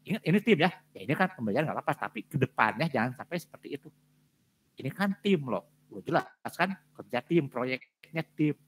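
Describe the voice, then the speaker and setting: A man's voice: mid-range voice, lively intonation, a little fast, slight background noise. A male lecturer giving direct feedback on student presentations, repeating his points for emphasis. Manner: direct, repetitive emphasis with frequent fillers.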